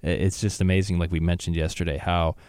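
A man with a very low voice talks through a news story with his co-host. He speaks loosely, full of ums and restarts, into a close mic with a dry sound. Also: little pitch movement, fast, darkish tone, clean tone, dry recording. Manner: conversational, many fillers and restarts. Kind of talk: casual news discussion.

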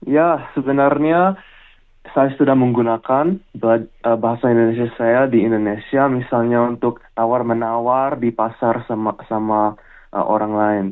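A young man speaks over a dull telephone line. His pitch sits in a middle range. He gives polite, carefully rehearsed answers as a student being interviewed. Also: fairly even intonation, normal speed, clean tone. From Australia. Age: late teens, young adult.

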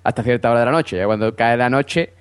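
Man, podcast co-host, animated storyteller, acts out quotes, dry close recording. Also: mid-range voice, clear, resonant tone, dry recording. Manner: animated, voices quotes loudly, halting restarts. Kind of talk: casual storytelling chat.

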